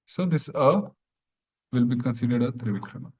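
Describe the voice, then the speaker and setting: Guy teaching a grammar class online, slow patient explaining, kinda dull lo-fi sound. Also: mid-range voice, animated. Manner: patient, explains step by step, clears throat often.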